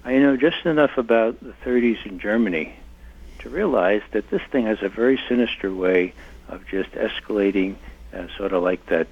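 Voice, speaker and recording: Older guy getting fired up in an interview, husky gravelly voice, kinda muffled lo-fi audio. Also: on the low side, moderate pace. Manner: impassioned, emphatic. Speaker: interview guest, former intelligence analyst. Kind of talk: conversational interview.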